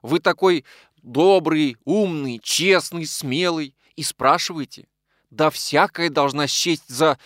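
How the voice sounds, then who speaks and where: A man's voice: a little high, takes it slowly, a bit bright, dry recording, clean studio sound, voice pushed up. A man reading an audiobook, voicing a tender, emotional young woman in an earnest, pleading tone.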